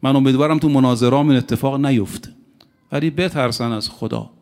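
A man's voice: mid-range voice, darkish tone. A middle-aged man preaching a religious sermon, impassioned, moving from political exhortation into a chanted mourning lament. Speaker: cleric preacher.

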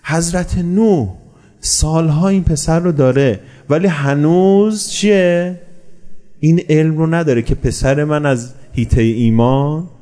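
A man preaching a sermon, telling a story with animated delivery and posing rhetorical questions that he answers himself. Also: a little high.

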